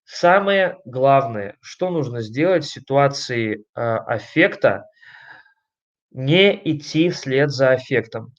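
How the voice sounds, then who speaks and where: A man giving an online lecture on family communication, talking emphatically and conversationally, putting questions to his listeners and pausing on fillers between points. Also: medium pitch, animated, muffled recording. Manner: emphatic, conversational, addresses listeners directly with frequent rhetorical questions.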